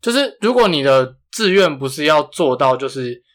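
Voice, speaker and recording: A man with a marked Taiwanese Mandarin accent and flat, non-retroflex consonants, chatting casually as a podcast co-host. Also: on the high side, moderate pace. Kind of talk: casual chat.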